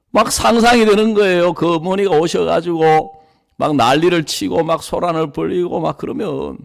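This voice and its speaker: A man's voice: sits high, vocal fry. A middle-aged man, a pastor telling a story from his own life in a sermon, acting out the people in it.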